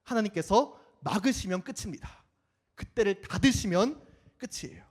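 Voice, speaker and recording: A young man preaching a sermon in a lively way, acting out the voices of the people in his story. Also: high-pitched, moderate pace, husky. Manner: animated, acts out quoted voices.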